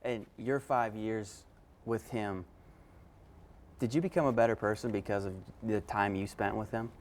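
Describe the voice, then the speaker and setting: A man's voice: on the low side, steady tone, a little slow, darkish tone, slight background noise. A man who is a local sports director, hosting a feature and asking friendly, upbeat questions.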